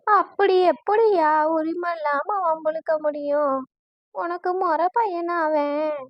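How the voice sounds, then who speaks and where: Woman doing a slow-drawling village granny. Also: very high-pitched, no room sound. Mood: teasing. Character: kindly nosy village grandmother, elderly. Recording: dull lo-fi dry sound.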